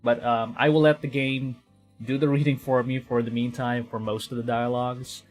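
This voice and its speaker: This young man from the Philippines talks through his gameplay casually in a mid-range voice at a moderate pace, with little pitch movement and soft background music. He rambles, corrects himself and quietly speaks to himself.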